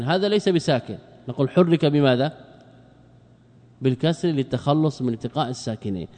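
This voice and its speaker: A man's voice: a little high, warm tone. A male grammar teacher giving a classroom lecture, explaining a text line by line, repeating words and asking and answering his own questions. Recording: long reverb, hall echo.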